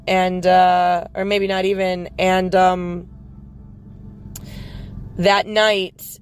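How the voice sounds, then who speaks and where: A woman's voice: medium pitch, little pitch movement, slow, clean tone, soft background music. A woman casually telling a personal story on her podcast, rambling and frank, swearing freely and filling gaps with ums and likes. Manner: rambling, frank and profane, full of fillers.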